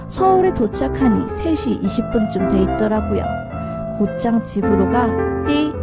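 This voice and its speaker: A woman reading a dramatic first-person story aloud and acting out the quoted lines, with faint music behind her. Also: on the high side.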